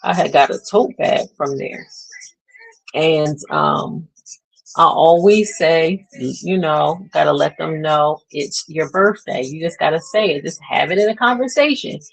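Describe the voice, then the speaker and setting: A woman's voice: low-pitched, gravelly, low-quality recording. A woman in her thirties, a vlogger chatting casually to her viewers, rambling and trailing off as she searches for words. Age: 30s. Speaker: beauty vlogger. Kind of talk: casual chat to camera.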